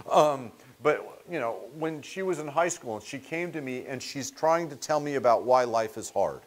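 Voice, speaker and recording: Animated middle-aged man lecturing a room. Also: medium pitch. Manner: conversational, animated, restarts mid-word. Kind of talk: storytelling seminar lecture. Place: meeting room with audience.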